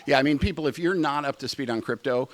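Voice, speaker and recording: A man's voice: medium pitch, fast talker, a bit bright. A middle-aged man hosting a podcast interview, speaking emphatically and repeating his points. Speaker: podcast host. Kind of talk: casual interview.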